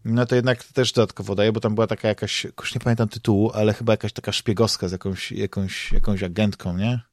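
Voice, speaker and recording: With a lowish voice, level tone, and quick pace, a man with a Polish accent hosts a casual podcast chat about games and comics, and there's no room sound. His talk rambles and falters, with repeated words as he reaches for the right phrasing.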